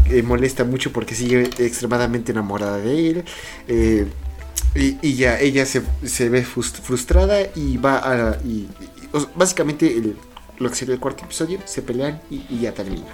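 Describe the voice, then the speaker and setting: A man's voice: mid-range voice, expressive, moderate pace, faint music behind. Man, podcast co-host, casual anime recap, playful, rambling, filler-heavy.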